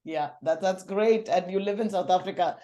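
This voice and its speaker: A woman's voice: on the low side, moderate pace, noisy background. A woman hosting an interview, gracious and appreciative toward her guest. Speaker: interview host.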